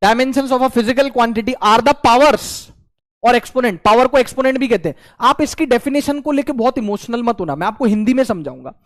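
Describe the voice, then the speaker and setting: High-voiced, playful physics teacher. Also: male voice, moderate pace, no echo. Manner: playful, slangy, acts out student replies. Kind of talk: lively exam-prep physics lecture.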